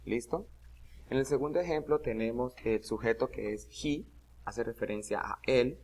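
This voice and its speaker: A man's voice: mid-range voice, moderate pace, a little mellow. A man teaching an English grammar lesson, explaining step by step and often checking "¿listo?".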